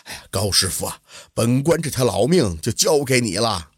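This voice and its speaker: A man's voice: medium pitch, moderate pace, breathy edge, no room sound, clean studio sound, voice pushed down. A man doing a flustered old official. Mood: fretful. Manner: excitable and fretful. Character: anxious, flustered male provincial official.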